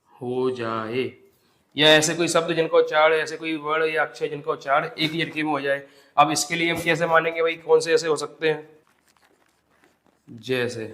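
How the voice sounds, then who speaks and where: A man teaching an exam-prep grammar lesson, explaining step by step and repeating example words slowly. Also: a little high, a bit bright. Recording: echoey room.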